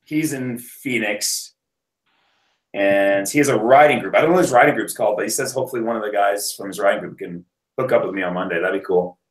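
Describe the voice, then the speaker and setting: A man's voice: fairly low pitch, a little fast, reverberant. A man in his thirties hosting a casual mountain biking live stream over a video call, rambling with restarts.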